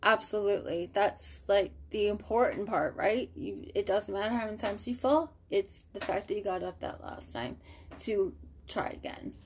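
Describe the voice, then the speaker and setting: On a live video captured by webcam or phone, a woman in her thirties streams casually from home, reading viewer comments aloud in a bubbly, chatty way packed with fillers. Her pitch is medium and her speed normal, with slight background noise.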